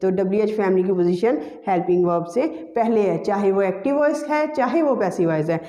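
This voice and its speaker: A woman's voice: mid-range voice, fairly quick, dark tone. A woman teaching an English grammar lesson, explaining step by step, repeating key terms and addressing her students directly. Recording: echoey room.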